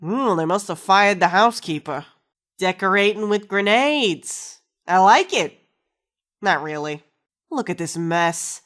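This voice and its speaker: A woman's voice: medium pitch, lively intonation, a little slow, fairly bright tone. An actress playing a wisecracking, foul-mouthed woman companion in a video game, sarcastic and slangy. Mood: casual, wry.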